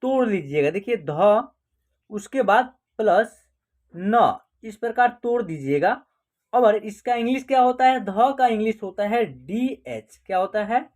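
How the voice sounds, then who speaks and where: A woman's voice: mid-range voice, lively intonation, measured pace, a little mellow. A woman teaching an online class, explaining step by step and asking questions that she then answers herself.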